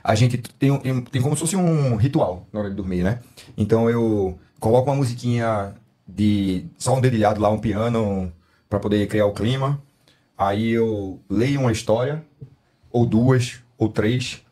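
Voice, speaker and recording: A podcast co-host with a Brazilian Portuguese accent tells family stories in a casual, animated chat, laughing often and doing impressions of his daughter. His voice is fairly low and his speed normal.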